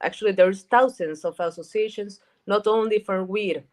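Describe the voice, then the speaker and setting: A woman from Rica, a guest chatting casually in an interview, talking in a halting way with repeated words and lots of fillers. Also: mid-range voice, darkish tone. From Costa Rica. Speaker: guest, cannabis events organizer.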